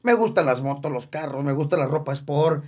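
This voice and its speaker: A man's voice: on the high side, animated, a little fast, slightly rough. A Mexican singer in his fifties, a guest in a casual interview, talking candidly and emotionally, joking and repeating words for emphasis. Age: 50s.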